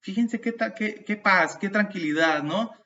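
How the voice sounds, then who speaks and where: A man's voice: high-pitched, unhurried. A man preaching a sermon, telling stories and turning to the congregation with asides. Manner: storytelling, animated, with restarts and asides to the congregation. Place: church. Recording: distant, dull mic sound.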